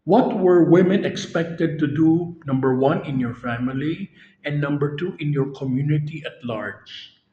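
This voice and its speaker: A man's voice: on the high side, measured pace, warm tone, a little hiss or hum. Polite man interviewer, muffled audio. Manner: formal and polite. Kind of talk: interview questions. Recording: dull lo-fi audio.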